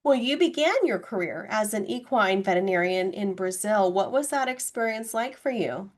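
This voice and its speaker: A woman's voice: mid-range voice, animated, moderate pace. Polished woman podcast host. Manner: polished, reads from script. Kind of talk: scripted podcast intro and interview questions.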